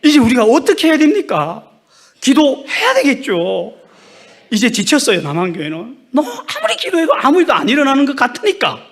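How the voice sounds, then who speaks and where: Male missionary preacher, high animated pitch, emphatic testimony-sermon delivery. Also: brisk. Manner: emphatic, rhetorical questions to the congregation.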